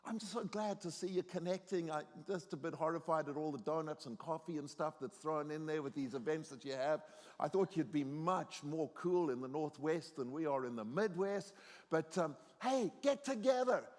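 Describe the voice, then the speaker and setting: Man, middle-aged, guest preacher, storytelling sermon, earnest and emphatic, slightly high voice, long chapel reverb. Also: moderate pace. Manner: earnest storyteller, grows more emphatic and exhorting. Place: university chapel.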